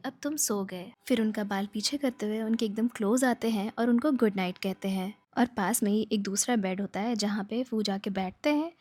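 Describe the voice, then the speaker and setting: A woman's voice: on the high side, a little mellow. A woman retelling a drama's plot in a casual storytelling voice, lifting her voice for the characters' lines. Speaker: drama recap narrator.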